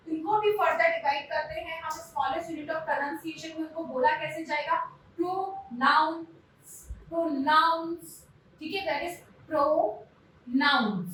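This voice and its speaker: A woman's voice: extremely high pitch, fairly bright tone, slight background noise. A woman teaching linguistics, explaining step by step and asking her class rhetorical questions. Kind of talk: classroom lecture mixing Hindi and English. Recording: very echoey room, voice from a distance.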